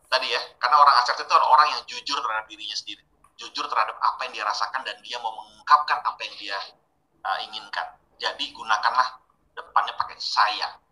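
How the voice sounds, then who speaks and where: A man's voice: medium pitch, brisk, reverberant, low-quality recording. A man giving a training webinar, talking casually and putting questions straight to his audience. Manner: lively, questioning audience directly.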